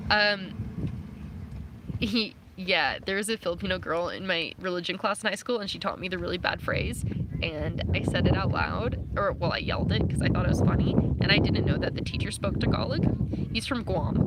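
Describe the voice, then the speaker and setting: Young woman, casual live-stream chat, phone mic held close, outdoor traffic noise. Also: lowish voice. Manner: chatty, filler-heavy, reads chat comments aloud. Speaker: livestreamer. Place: outdoors near passing vehicles.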